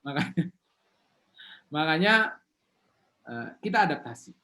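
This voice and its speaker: A man giving an online seminar talk as a motivational coach over a video call. He is animated and leads his audience in call-and-response. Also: a little high, unhurried.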